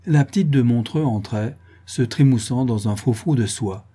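A man reads a novel aloud in a measured, literary way. His voice is very dark and mellow, with a husky edge. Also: mid-range voice. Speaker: narrator. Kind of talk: audiobook reading of a novel.

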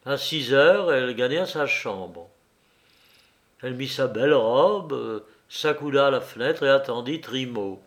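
A man reading a novel aloud as narrator, in measured, unhurried storytelling. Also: medium pitch, lively intonation.

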